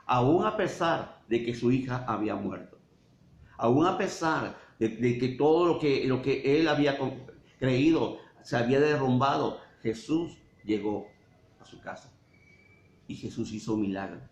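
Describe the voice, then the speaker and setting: Male Mexican pastor, mid-pitched, emphatic sermon delivery; recorded roomy and slightly muffled. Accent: Mexican Spanish. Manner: preaching with rhetorical questions and emphatic pauses. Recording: dull roomy church sound with faint hiss.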